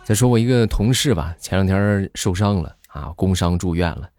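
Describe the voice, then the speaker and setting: A man telling comic anecdotes in a lively monologue, acting out the people in his stories. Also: deep voice, moderate pace, faint music behind. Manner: animated, acts out characters in his anecdotes. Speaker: comedy storyteller.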